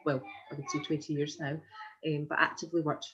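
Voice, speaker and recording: Her voice is deep and level in tone, a bit bright and a little fast, with slight background noise on muffled lo-fi video call audio. She's a forty-something community development worker from Glasgow, Scotland, with a Glaswegian accent. In this informal oral history interview she answers hesitantly, wandering and repeating often.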